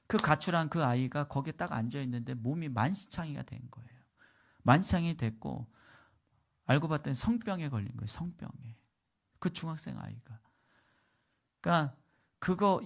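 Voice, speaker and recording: A male pastor preaching a sermon, telling a story with emphasis and swinging between loud lines and hushed ones. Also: fairly high pitch, gravelly. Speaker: guest pastor.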